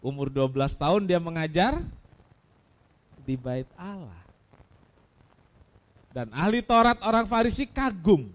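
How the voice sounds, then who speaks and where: A man with an Indonesian accent preaching a sermon as pastor, asking rhetorical questions and swinging between loud cries and soft low asides. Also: animated, unhurried, long pauses. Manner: addresses listeners as saudaraku.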